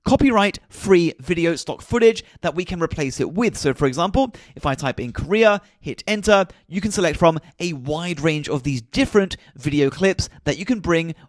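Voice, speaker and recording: A man talks through a screen-recorded tutorial, giving click-by-click instructions in a high voice. His pitch jumps around with lively movement. The sound is dry and close, with no room echo. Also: moderate pace, few pauses. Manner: step-by-step, instructive, repeats click directions. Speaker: tutorial host.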